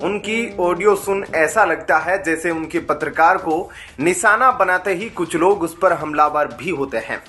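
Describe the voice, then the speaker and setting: A man reading a scripted news voice-over in a steady, formal newsreader manner. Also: a little high, measured pace, hardly any pauses, faint music behind. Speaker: news narrator.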